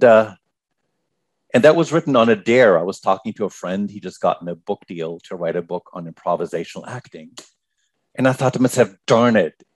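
A man from Germany, a guest author, talking casually in an interview, lively and prone to repeating words as he starts. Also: on the low side, dry recording.

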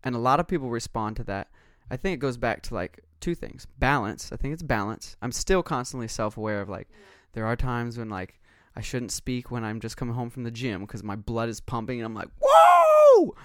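A man's voice: mid-range voice, fairly quick, a bit bright, dry recording, clean studio sound. A man chatting casually in an intense, passionate, assertive way, often dropping "like" into his sentences. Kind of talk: casual conversation.

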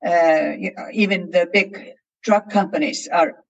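A woman from Iceland with an Icelandic accent, a novelist chatting hesitantly as a panel guest and pausing often to find her words. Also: on the low side, gravelly, lo-fi sound. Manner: hesitant, many fillers and restarts while searching for words. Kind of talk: casual panel chat.

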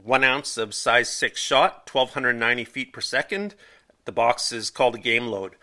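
A man hosting a hunting show, reading a scripted informational segment in a steady, even way. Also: medium pitch, normal speed. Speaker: hunting podcast host. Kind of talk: scripted narration.

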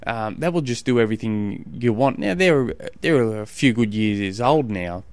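A man's voice: lowish voice, expressive, normal speed, clear, resonant tone, dry recording. A man with an Australian accent hosting a podcast, giving casual coaching advice in an informal, rambling way and often rephrasing himself mid-sentence. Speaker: podcast host and endurance sports coach.

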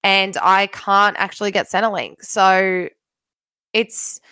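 A woman's voice: mid-range voice, fairly even intonation, takes it slowly, sharp tone, clear, resonant tone, dry recording. A young woman with a broad Australian accent chatting casually on a solo podcast, stressing her points emphatically. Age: young adult. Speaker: podcast host and student teacher.

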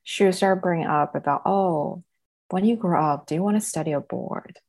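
Woman from southern china, chatty and relaxed, lowish voice, laughs a lot. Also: moderate pace. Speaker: guest, self-love coach. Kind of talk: casual interview chat.

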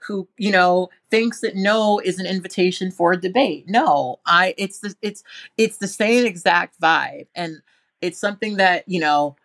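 A woman's voice: lowish voice, a little slow, gravelly, fairly bright tone, no echo, clean studio sound. A woman hosting a podcast, speaking casually and emphatically, with frequent stammered restarts.

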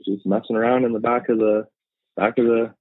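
A Canadian man in his thirties is a podcast guest, chatting casually and rambling with many fillers and laughs. His medium-pitched voice has a level tone and a fairly quick pace, recorded dry over a tinny, phone-like line.

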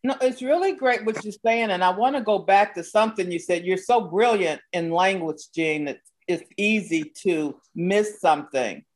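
A woman's voice: mid-range voice, moderate pace, hardly any pauses. A woman hosting a podcast who gives effusive introductions and interviews her guest. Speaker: podcast host.

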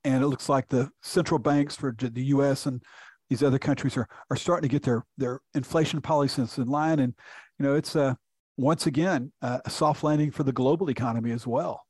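A man's voice: mid-range voice, fairly even intonation, a little fast, a little mellow, husky, no echo, clean studio sound. A middle-aged man from Houston, a chief economist, explaining reports in a conversational podcast interview with frequent restarts. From Houston, Texas.

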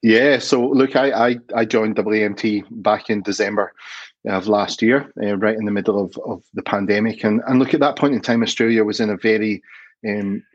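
A man's voice: lowish voice, fairly even intonation, moderate pace, dry recording, muffled recording. A middle-aged man from Scotland with a Glasgow accent, talking conversationally as a guest on a podcast interview. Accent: Scottish, Glasgow. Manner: conversational, restarts with fillers. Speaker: guest, association CEO.

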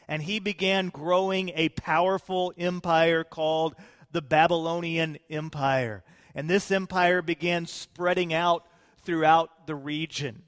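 A man preaches from a pulpit microphone, his fairly high voice ringing with a long reverb through the church sanctuary. He keeps the sermon casual and joking. He often puts questions to the congregation. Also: fairly bright tone. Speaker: pastor.

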